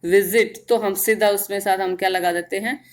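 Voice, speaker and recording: A woman teaching grammar in Hindi, explaining step by step and repeating words slowly to show their stress. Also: medium pitch, steady tone. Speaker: English teacher. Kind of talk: grammar lesson in Hindi with English terms.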